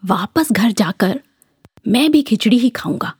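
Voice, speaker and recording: A woman's voice: on the high side, animated, measured pace, breathy edge, no room sound, clean studio sound, exaggerated voice. A woman voicing a simple, forgetful young village man who keeps repeating words. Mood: pleased.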